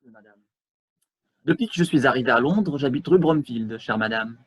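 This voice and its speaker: A man playing a stiff, husky English gentleman. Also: medium pitch, expressive, low-quality recording. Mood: formal. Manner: halting, ceremonious, repeats polite address. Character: stiffly polite English gentleman, puzzled and formal. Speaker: amateur actor. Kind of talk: absurdist stage dialogue. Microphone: video call.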